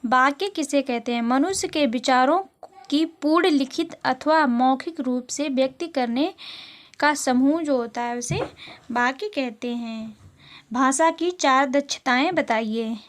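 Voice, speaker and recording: Speaking at a measured pace, a teacher with a high female voice leads exam preparation: she reads the questions, explains each answer, and goes back over the key vocabulary.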